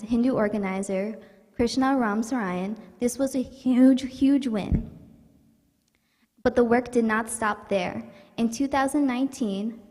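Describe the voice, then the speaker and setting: A woman's voice: on the high side, darkish tone, in a large hall. A young woman from New York hosting a virtual community event, speaking in an earnest, upbeat and welcoming way. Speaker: event host. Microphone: livestream setup.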